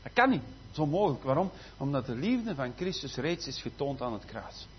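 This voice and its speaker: Pastor, goes quiet then booms out, highish voice, bit dull lo-fi sound. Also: male voice, big pitch swings, fairly quick. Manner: swings between soft asides and loud emphatic preaching. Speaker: preacher. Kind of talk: sermon. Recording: slightly muffled, faint background noise.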